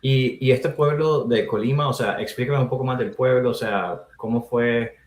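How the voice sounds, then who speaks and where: A man's voice: mid-range voice, moderate pace. A man hosting a podcast, leading the interview in an upbeat, casual way with many fillers. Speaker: podcast host. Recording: roomy echo.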